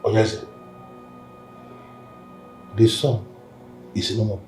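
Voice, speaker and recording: An actor with a Nigerian accent playing a grave council elder who asks slow, probing questions. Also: male voice, fairly low pitch, fairly even intonation, a little mellow, soft background music, close to an everyday voice.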